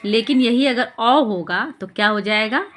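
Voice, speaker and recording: A woman's voice: on the high side, moderate pace, a bit bright. Patient woman explaining with rhetorical questions. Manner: patient, repeats examples and checks in with rhetorical questions. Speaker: teacher explaining Hindi vowel signs to parents. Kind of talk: explanatory lesson.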